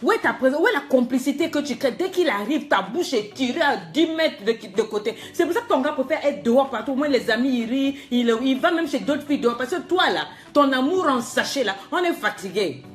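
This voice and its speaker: A woman's voice: high voice, lively intonation, brisk, few pauses, soft background music. A woman life coach preaching to her viewers, scolding them emphatically and firing rhetorical questions.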